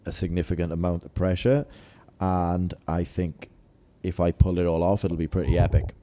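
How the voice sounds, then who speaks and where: A man's voice: low voice, steady tone, moderate pace, warm tone. A man hosting a casual chat, talking in an informal, explanatory way. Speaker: podcast and radio show host.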